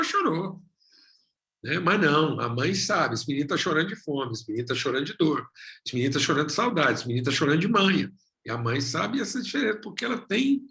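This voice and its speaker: A middle-aged pastor with a Brazilian Portuguese accent preaches in a bright, forceful voice. He talks emphatically, building lists of repeated phrases and pausing for effect. His voice sits a little higher than most men's. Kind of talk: sermon.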